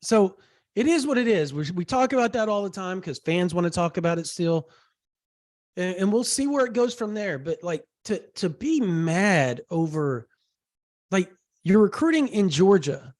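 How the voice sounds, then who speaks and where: A man with a heavy sinus infection talks in a loose, rambling way, full of fillers and excited jumps. His voice sits fairly high for a man. The recording is dry and close, like a casual sports podcast. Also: normal speed, dry recording. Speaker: co-host, recruiting reporter.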